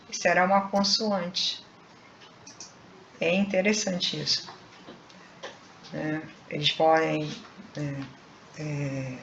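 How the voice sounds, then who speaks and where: A woman's voice: lowish voice, a bit bright, slight background noise. A woman teacher giving a recorded online grammar lesson, explaining patiently and checking in with frequent tag questions. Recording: echoey room, dull lo-fi sound.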